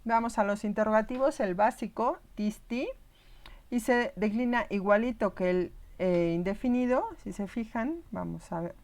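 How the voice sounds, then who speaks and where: A woman's voice: medium pitch, normal speed, a little mellow. A woman giving a recorded online lesson, explaining patiently and often checking whether her students follow. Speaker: teacher.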